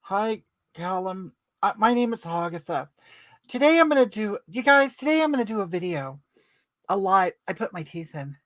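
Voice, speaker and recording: In a sing-song, somewhat bright mid-range voice at normal speed, a performer plays a brash older woman hosting a makeup livestream. She's chatty and greets viewers by name, and the recording is dry.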